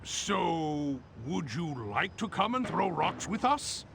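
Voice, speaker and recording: A man voicing a haughty, scheming yet slightly awkward supervillain in a cartoon game, with a gravelly, theatrical delivery. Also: sits high, lively intonation, slow pace, noisy background, full character voice. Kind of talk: cartoon video game acting.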